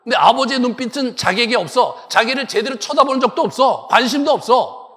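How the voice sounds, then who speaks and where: A male pastor giving a sermon and telling the story in a lively way, acting out the characters. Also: extremely high pitch, a little fast. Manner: animated storytelling, acts out the characters. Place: church sanctuary. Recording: long church hall reverb.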